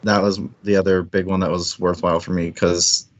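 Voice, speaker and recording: A man co-hosting a book club livestream chats informally about books, rambling and thinking aloud as he goes. His voice sits low with a level tone, he speaks fairly quickly, and the sound is lo-fi.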